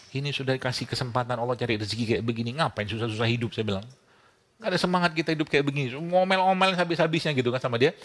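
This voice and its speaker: A man giving a casual religious talk to an audience as a preacher and doctor. He tells lively stories, chuckles often and acts out the people he quotes. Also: mid-range voice.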